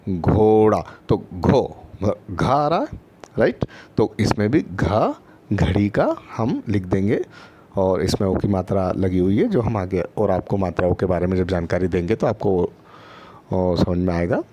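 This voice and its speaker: A man's voice: low voice, very animated, a little slow, background noise. A man teaching first graders in an online lesson, patient and repetitive, often checking in with his listeners and drawing out letter sounds. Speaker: primary school teacher.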